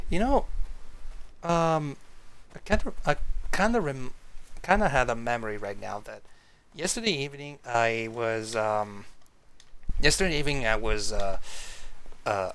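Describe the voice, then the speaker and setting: Man, streamer from Italy, casual chat, restarts a lot, middle pitch, hissy desk mic. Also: rough recording. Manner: rambling, many restarts, chats with viewers. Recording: steady hiss on the line.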